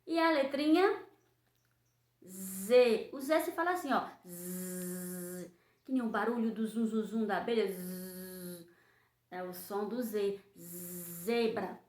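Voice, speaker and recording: A woman teacher, giving a children's phonics lesson and sounding out letters slowly in a sing-song way. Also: a little high, a little mellow. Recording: echoey room.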